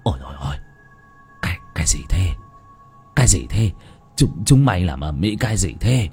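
A man's voice: low-pitched, sing-song, moderate pace, a little mellow, breathy edge, faint music behind, pitched below the performer's own voice, exaggerated voice. A man voicing a cowardly old village landlord who stammers and trembles with fear. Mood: terrified.

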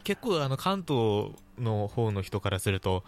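A man's voice: lowish voice, very animated, unhurried, clean tone. A man chatting on a radio talk show, telling stories with laughs. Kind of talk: casual radio chat.

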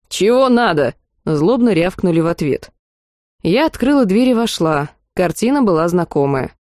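A woman narrating a first-person fantasy audiobook in a lively, wry storytelling manner. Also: mid-range voice, no room sound, clean studio sound.

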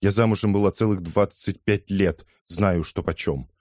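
This audiobook character voice comes from a man with a deep, darkish voice at a moderate pace, recorded dry and at studio quality. He plays an indignant older woman, a loud gossiping mother, scolding and rambling in outrage.

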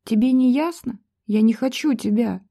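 Woman reading as a cornered young woman lashing out, pitched high and loud, mellow tone underneath. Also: normal speed, vocal fry. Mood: angry. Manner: shouting, pleading, breaking voice. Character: young homeless woman, defiant and frightened.

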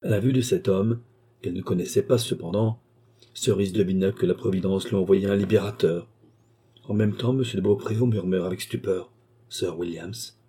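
A man narrating a classic novel as an audiobook, in a measured, dramatic reading. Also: low-pitched, fairly even intonation, mellow, breathy edge.

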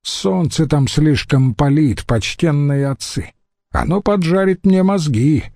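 A man's voice: fairly high pitch, unhurried, dark tone, no echo, studio quality, voice pushed up. A male audiobook reader voicing a touchy bald Roman nobleman who complains indignantly. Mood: complaining.

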